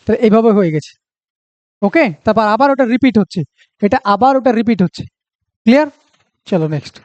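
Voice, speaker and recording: A man's voice: high-pitched, animated, brisk, a little mellow, no room sound, dull audio. A man with a Bengali accent teaching a reasoning lesson for exam prep, talking through each step aloud and checking that students follow.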